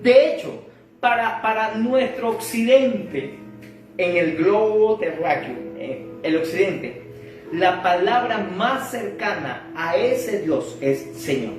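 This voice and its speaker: A man's voice: high-pitched, expressive, slow. A male preacher giving a sermon, speaking emphatically and addressing the congregation directly, often repeating words and restarting phrases. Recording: very echoey hall from far off with faint music.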